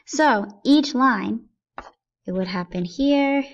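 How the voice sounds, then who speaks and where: A woman teacher walks through a poem step by step, patiently thinking aloud and asking herself questions along the way. Her voice is fairly high, expressive, and slow, and the recording is dull and lo-fi.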